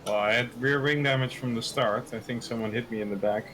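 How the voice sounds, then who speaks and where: A man's voice: mid-range voice, steady tone, fairly quick, a bit bright. A man who races online, chatting casually in an interview in an understated, matter-of-fact way. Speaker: racing driver being interviewed. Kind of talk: casual post-incident interview.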